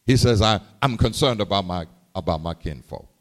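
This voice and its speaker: A man preaching a sermon in a rhythmic, call-and-response style, dropping to low murmurs and rising to sung shouts. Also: animated, normal speed. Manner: repeats and calls to the congregation.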